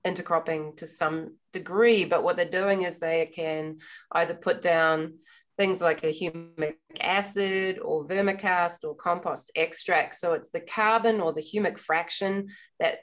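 Female panelist with a lowish voice, explains steadily with occasional ums, over video call. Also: steady tone, a little slow, fairly bright tone. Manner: explanatory, some hesitations. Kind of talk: online expert panel talk.

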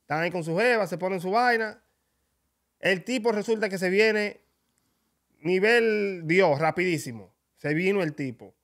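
A man's voice: high-pitched, normal speed, fairly bright tone. A man hosting a casual chat, telling stories and asking teasing questions. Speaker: host.

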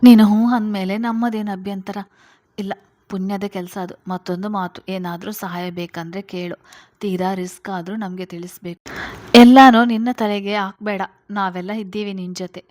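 A woman's voice: mid-range voice, steady tone, moderate pace, darkish tone, natural voice. A woman voicing a fussy, teasing middle-aged father in a spoken family story. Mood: concerned.

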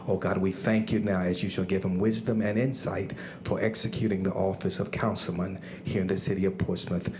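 Deep-voiced reverend praying aloud. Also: male voice, little pitch movement, fairly quick, few pauses, a little mellow, a little hiss or hum. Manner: reverent, rolling phrases with repetition. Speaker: reverend leading a prayer. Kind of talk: solemn public invocation.

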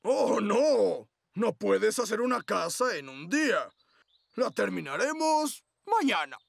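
A man voicing a hearty cartoon bull builder with a gravelly, raspy voice. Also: high voice, very animated, slow pace, no room sound, full character voice. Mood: patient, instructive.

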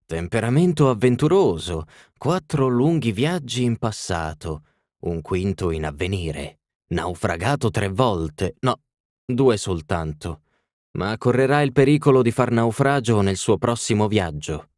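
A fussy, ceremonious little palm reader, played by a man reading an audiobook. He delivers his readings in a measured, lowish voice that rises and falls a lot. Close, dry sound. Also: lively intonation, darkish tone, dry recording.

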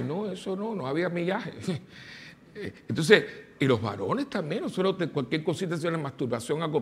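Older priest, storytelling sermon, chatty and emphatic. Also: male voice, medium pitch. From Cuba. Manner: conversational storytelling, emphatic rises. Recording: livestreamed church Mass.

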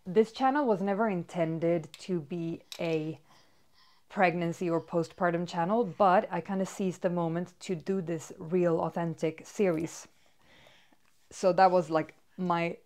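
Her voice sits lowish and a little mellow: a Swedish fitness vlogger in her thirties with a Swedish accent, chatting upbeat to a distant camera. The setting is an indoor bedroom with toys, and her casual talk is full of fillers.

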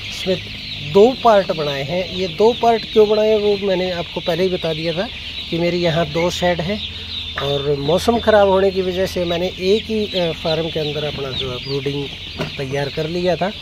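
A man's voice: high-pitched, moderate pace, background noise. Young man vlogging from a chick shed. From Haryana, India. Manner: conversational, explanatory, many hesitations. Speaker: poultry farmer vlogger. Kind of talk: casual farm vlog talk to camera. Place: large indoor poultry shed with chicks. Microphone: phone camera held close or at arm's length. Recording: phone video with clear chick chirping behind.

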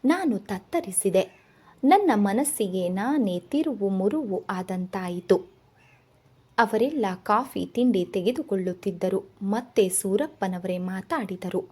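A woman reading a novel aloud in first person, in a slow, measured, reflective way. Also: mid-range voice, animated, darkish tone, husky.

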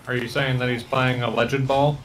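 A man's voice: medium pitch, level tone, fairly quick. A man streaming a video game and chatting casually, joking and making puns. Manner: joking, punning. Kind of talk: casual gaming chat. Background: game music.

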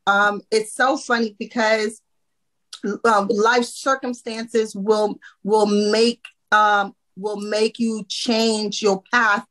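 Over a video call from home, a guest accountant in her thirties, born in Haiti and raised in Florida, tells her story in a casual podcast interview. Her medium-pitched voice is level and slow, warm with frequent "um"s and laughs, though the audio quality is poor.

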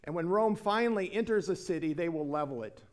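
A man preaching a sermon in a church, earnest, lifting his voice for emphasis and then dropping low. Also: expressive, brisk. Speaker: pastor. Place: church sanctuary.

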